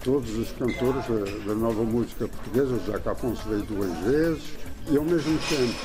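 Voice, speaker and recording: A man interviewed about his past organizing work, speaking hesitantly with pauses and restarts. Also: medium pitch, over music. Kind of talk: recalled personal account.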